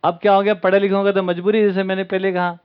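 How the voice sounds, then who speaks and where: A man's voice: high voice, level tone, quick pace, clear, resonant tone. A man speaking at a camp, telling a satirical story to an audience and acting out the people in it. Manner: satirical, acts out the people in his stories. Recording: dull lo-fi recording.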